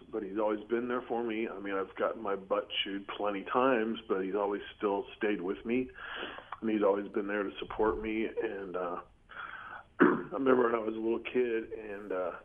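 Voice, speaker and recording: A middle-aged man calling in to a radio show over the phone, talking in a halting way and clearing his throat often. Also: lowish voice. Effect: phone call heard over radio. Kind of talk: casual call-in talk. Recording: tinny phone line.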